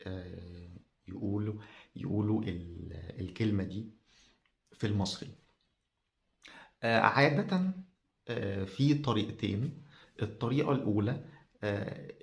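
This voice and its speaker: A man with an Egyptian accent explains words for a language podcast. His voice sits low and has a gravelly, creaky edge. He talks slowly and haltingly, stretching out fillers between phrases. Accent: Egyptian Arabic. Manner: slow and halting, many drawn-out fillers. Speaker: Arabic teacher.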